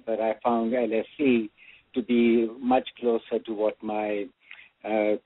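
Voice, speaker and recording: Older man from Pakistan, phone-line sound. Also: medium pitch. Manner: rambling, hesitant with many fillers. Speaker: guest. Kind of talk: radio interview answers. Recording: phone-like radio audio.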